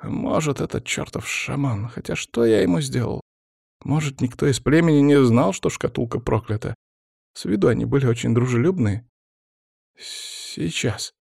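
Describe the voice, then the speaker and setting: A man's voice: mid-range voice, moderate pace, creaky, a little mellow, husky, dry recording, studio quality, pitched above the performer's own voice. A man voicing a flustered, cursed male collector who mutters and keeps swearing despite himself. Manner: mutters, keeps swearing against his will.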